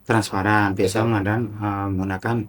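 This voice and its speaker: Low-voiced man explaining patiently. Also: flat delivery, a little fast. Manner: patient, lays out examples step by step. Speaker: guest expert on internal oversight. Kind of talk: explanatory podcast talk.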